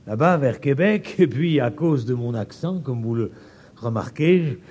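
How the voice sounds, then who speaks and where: A man's voice: medium pitch, expressive, breathy edge. A man from France with a French accent preaching a sermon, emphatic and drawn out at his peaks, speaking directly to a live audience with asides and humor. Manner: emphatic, rising to loud peaks with slow drawn-out phrases.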